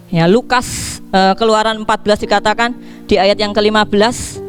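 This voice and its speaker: A woman pastor preaching a sermon in a lively way, asking her congregation questions. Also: medium pitch, moderate pace, soft background music. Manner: lively, asks the congregation questions, acts out dialogue. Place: church.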